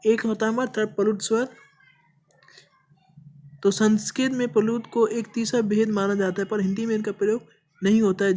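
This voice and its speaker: Woman teacher, grammar lesson, monotone delivery, repeats points, sounds out vowels slowly. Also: mid-range voice. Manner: repeats points with frequent "ठीक है" checks; draws out vowel sounds as examples. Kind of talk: explaining Hindi grammar lesson.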